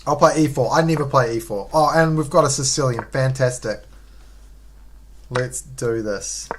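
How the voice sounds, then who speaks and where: A man's voice: medium pitch, moderate pace, husky. Laid-back New Zealand man streaming chess. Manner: laid-back, slangy, chatting to viewers. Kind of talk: casual live game commentary.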